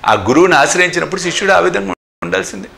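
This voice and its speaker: A man's voice: sits high, animated, racing, creaky, pushed and bright. A man giving a devotional discourse as a spiritual teacher, emphatic and full of rhetorical questions, with English phrases spoken.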